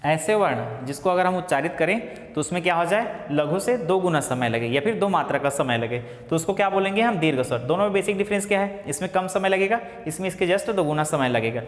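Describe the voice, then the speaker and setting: A male teacher giving a classroom lecture, asking and answering his own questions and slowly repeating key phrases. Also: sits high, lively intonation. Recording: echoey classroom with long reverb.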